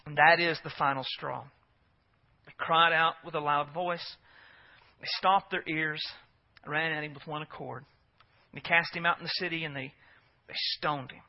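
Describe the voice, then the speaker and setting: Man, pastor, sermon, high-pitched, earnest, emphatic, rhetorical questions, muffled lo-fi sound. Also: steady tone, normal speed, pauses often.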